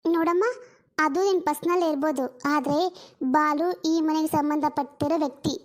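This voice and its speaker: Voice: high-pitched, steady tone, moderate pace, pitched below the performer's own voice, lightly acted. A performer voicing an assertive elder sister-in-law in a family drama. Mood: firm.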